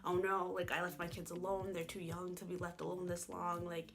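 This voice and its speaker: A woman voicing her worried mother on the phone, speaking in an urgent, hushed way. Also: on the low side, monotone, a little fast, faint music behind. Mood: anxious.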